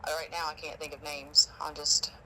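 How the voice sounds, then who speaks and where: A man's voice: on the high side, level tone, moderate pace, crowd noise. A man telling stories on a phone call in a rambling, emotional way. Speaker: witness. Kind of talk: casual phone conversation.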